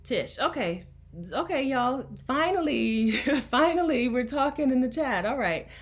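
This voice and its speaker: Hosting a laid-back livestream, this coach from Delaware talks emphatically to her chat and laughs often. Her high-pitched voice has lively intonation, and her pace is unhurried.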